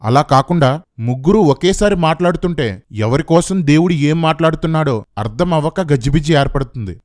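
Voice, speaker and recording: A man's voice: fairly high pitch, fast, darkish tone. A man preaching as a pastor, scolding and sarcastic, firing one rhetorical question after another in a combative rebuttal sermon.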